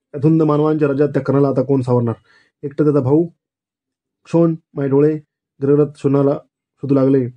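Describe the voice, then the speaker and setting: A man narrating a novel in the first person, reading slowly and deliberately. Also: medium pitch, dark tone. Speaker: audiobook narrator.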